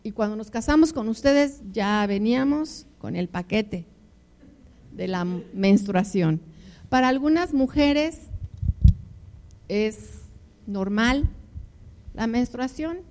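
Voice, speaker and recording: Older woman, pastor for couples: heartfelt storytelling sermon, voice sits a bit high. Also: lively intonation, slow pace, long pauses. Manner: emotional storytelling with personal anecdotes; addresses listeners warmly as beloved ones. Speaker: preacher speaking to married couples. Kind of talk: conversational sermon.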